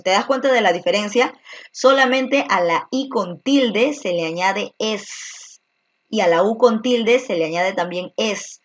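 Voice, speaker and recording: A woman teaching an online grammar class, explaining step by step and checking in with frequent tag questions. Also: mid-range voice. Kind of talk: virtual grammar lesson.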